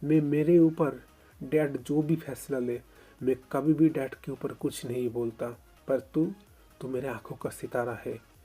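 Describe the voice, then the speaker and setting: A man's voice: medium pitch, fairly even intonation, unhurried, slightly rough, soft background music. A man playing a fierce protective big brother. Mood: fierce, fond. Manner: loud, fond, scolding. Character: protective teasing older brother.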